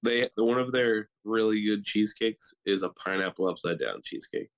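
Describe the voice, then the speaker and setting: A man co-hosting a podcast who tells animated stories in casual chat, full of "like". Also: fairly low pitch, moderate pace. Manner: animated storyteller, fills with "like". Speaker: podcast co-host.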